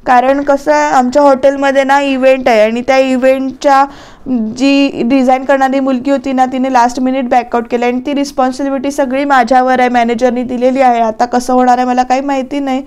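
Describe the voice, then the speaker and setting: A woman's voice: high-pitched, level tone, brisk, darkish tone, smooth, lightly acted. A woman voicing a young man who is newly in love but worried about his work, in a serial recap, reading his lines in a chatty, rambling way.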